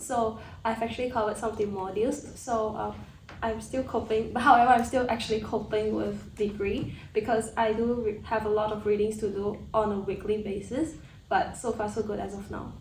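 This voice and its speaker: A young woman from Malaysia, a student guest answering questions in a steady, casual way. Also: medium pitch, a little hiss or hum. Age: young adult. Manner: steady, opens answers with "alright, so". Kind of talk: casual chat. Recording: echoey room, distant mic, faint ambience.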